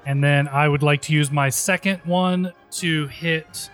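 A man's voice: fairly high pitch, steady tone, a little slow, fairly bright tone, faint music behind. A man chatting casually as a player in a tabletop role-playing game.

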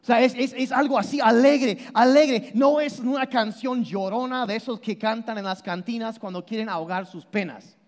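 Man, preacher, sermon, very high voice, emphatic, repeats words, hall reverb. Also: moderate pace, hardly any pauses. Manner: animated, shifts between loud emphasis and low intensity; repeats and restarts words while explaining.

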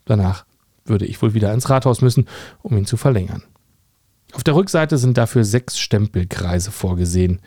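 A man's voice: on the low side, lively intonation, normal speed, dark tone, dry recording. A young man from Germany narrating a personal story in a dry, ironic manner. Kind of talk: scripted first-person narration.

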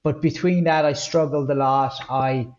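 A man with a Kerry accent from the west of Ireland, telling personal stories as a podcast guest, haltingly and with words repeated for emphasis. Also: on the high side, steady tone, a little mellow, muffled recording. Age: 30s or older. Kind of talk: candid personal storytelling in conversation.

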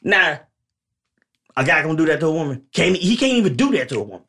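A man with a fairly high voice talks in a relaxed group conversation. He presses his case with emphasis, often cutting in to hold the floor. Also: fast. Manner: emphatic, interrupts to argue points. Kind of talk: casual debate chat.

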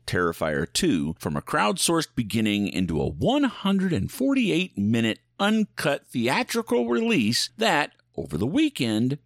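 A man hosting a show in the manner of a spooky ride narrator, with scripted, theatrical patter, tongue-in-cheek showmanship and drawn-out emphasis. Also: mid-range voice, vocal fry, a bit bright, dry recording, clean studio sound. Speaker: host of a spooky show styled as a dark ride.

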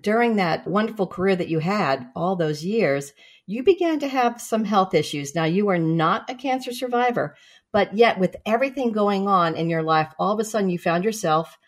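A woman hosting a podcast interview, introducing and questioning her guest in an enthusiastic, welcoming way. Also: medium pitch. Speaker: podcast host.

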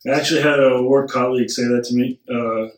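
Man in his forties, casual podcast guest, lively storyteller, echoey room, set back from the mic. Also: medium pitch, quick pace, distant mic. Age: 40s. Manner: animated storyteller acting out dialogue. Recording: roomy sound from off mic.

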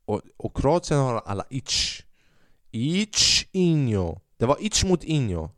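A man's voice: medium pitch, sing-song, no echo, studio quality. A young man hosting a casual podcast, a stand-up comedian telling stories in a profane, sarcastic way and acting out the dialogue.

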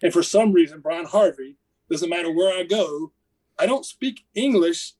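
A high-pitched American man with an Appalachian accent speaks at a normal pace in a darkish tone, captured on a low-quality recording. As a podcast guest, he tells casual stories about a mission trip, rambling and correcting himself as he goes.

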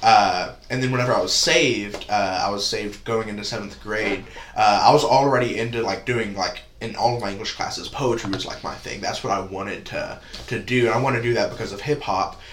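A teenage man chats as a guest on a podcast, rambling along with plenty of "uh" and "like" fillers. His voice sits at an ordinary pitch. It rings in a roomy, echoey space with a faint hiss underneath. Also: a little fast, hardly any pauses, a bit bright. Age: teens. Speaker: podcast guest, spoken word poet. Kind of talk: casual interview chat. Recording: echoey room with faint noise.

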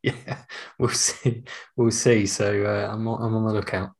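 British male podcast co-host, slightly low voice, informal conversational delivery. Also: little pitch movement, a little slow, creaky. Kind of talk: casual chat.

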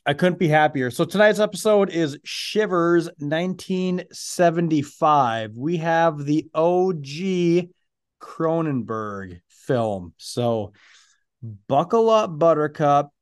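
A man's voice: a little high, animated, slow pace, clear, resonant tone. A man from Canada co-hosting a podcast over a video call, joking and rambling with lots of fillers. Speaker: podcast co-host. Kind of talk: casual chat.

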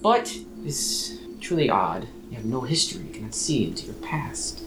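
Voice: mid-range voice, very animated, moderate pace, noisy background, pitched below the performer's own voice. A player doing a haughty elf noble. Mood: grave. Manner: stuffy, formal, disdainful.

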